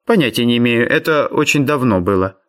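A man voicing a brash teenage boy from a feuding family, who talks bluntly and flatly about killings. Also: medium pitch, a little fast, natural voice.

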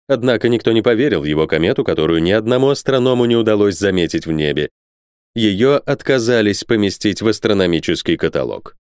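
A man reading a novel aloud as an audiobook narrator, with expressive delivery. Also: on the low side, clean tone, no echo, clean studio sound. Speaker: audiobook reader. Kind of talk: scripted narration.

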